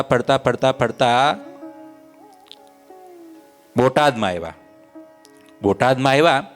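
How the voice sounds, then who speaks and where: A man recounts a devotional tale in a repetitive, sing-song storytelling manner. His voice sits at an ordinary middle pitch, and a sitar plays softly in the background. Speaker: religious storyteller.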